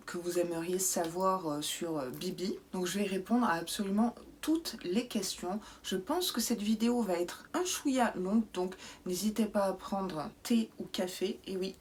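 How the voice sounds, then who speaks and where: A woman's voice: mid-range voice, darkish tone, slight background noise. Chatty woman in her thirties. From southwest France and New Zealand. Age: 30s. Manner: chatty, playful asides, frequent fillers. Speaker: beauty YouTuber. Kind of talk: casual Q&A vlog.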